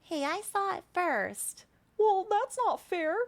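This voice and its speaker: A woman's voice: very high voice, sing-song, takes it slowly, voice pushed up, exaggerated voice. A woman voicing tiny eager talking mushrooms in a little, squabbling, childlike voice in a tabletop game. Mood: indignant.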